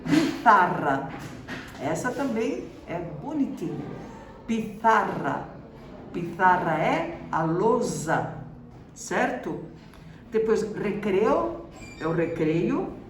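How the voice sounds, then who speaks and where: With a Brazilian Portuguese accent, a Brazilian woman gives a school lesson in a very animated, mid-range voice at a slow pace, carefully explaining each word and checking in with students after every point. Faint background noise and roomy echo accompany her distant voice.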